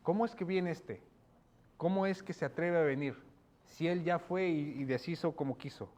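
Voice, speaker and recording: A man's voice: fairly high pitch, normal speed, darkish tone, close to an everyday voice. A man voicing a resentful, indignant older brother in a Bible parable. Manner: scornful, complaining.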